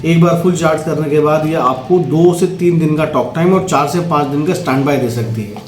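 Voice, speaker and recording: A man whose voice is fairly high and a little fast shows off a product in a relaxed, instructional demo, talking directly to viewers and regularly checking in as he goes through each step. A little hiss or hum, a roomy echo and faint music are audible.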